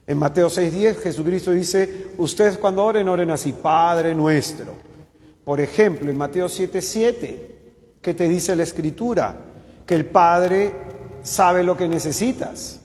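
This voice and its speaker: A man's voice: a little high, darkish tone, long reverb tail. A man who is a missionary, teaching a Bible course and often asking his listeners questions. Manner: asks the listeners many questions. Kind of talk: spoken Bible lesson.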